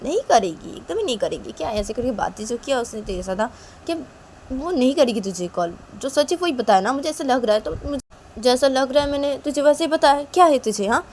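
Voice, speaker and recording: A woman voicing a bossy older sister who scolds and teases in a sharp, rising voice. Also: high-pitched, a little hiss or hum, pitched above the performer's own voice. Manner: sharp, scolding, rising, repeating "kya hai".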